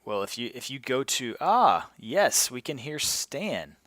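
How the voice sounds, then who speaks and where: A man's voice: mid-range voice, animated, normal speed, pushed and bright, no echo. A man hosting a live stream in an upbeat, chipper manner, like a game show host. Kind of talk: casual live-stream chat.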